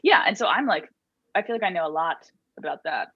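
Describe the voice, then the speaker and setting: Through earbuds on a video call with dull audio, a young German-speaking comedian guests on a casual podcast. Brisk and very animated, his high, husky voice jumps around as he rambles, cuts himself off and jokes.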